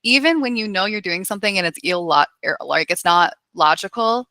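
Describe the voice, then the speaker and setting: Bright-voiced woman hypnotherapist explaining. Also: mid-range voice, brisk, dry recording. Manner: animated, laughs often, many fillers like "like". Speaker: hypnotherapist guest. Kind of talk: casual podcast explanation.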